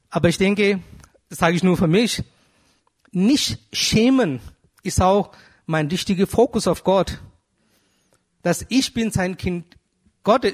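A man preaching a sermon in German with earnest, halting delivery, searching for words and asking his listeners direct questions. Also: high-pitched, fairly bright tone. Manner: asks the congregation direct questions.

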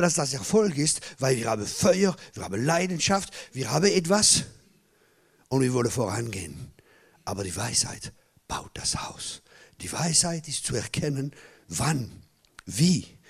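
A middle-aged man preaching a sermon as a pastor, hammering home repeated phrases and swinging between loud bursts and low, hushed asides. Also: creaky, slightly rough. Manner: repeats key phrases for emphasis.

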